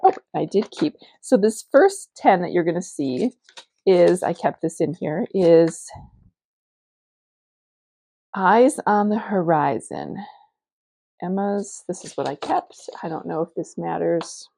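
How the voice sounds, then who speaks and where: A woman's voice: fairly low pitch, animated, slow pace, creaky, long pauses, mellow. A woman in her forties chatting casually in a vlog recorded as a phone video, meandering and thinking aloud as she talks. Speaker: knitting vlogger. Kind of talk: casual morning vlog chat. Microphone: phone camera.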